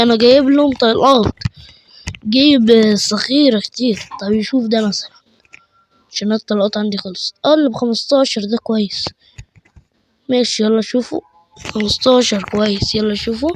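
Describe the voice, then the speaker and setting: A man with an Egyptian Arabic accent giving chatty let's play commentary, excitable and quick to burst into panicked repeated shouts. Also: very high-pitched, a little hiss or hum. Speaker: gaming channel host.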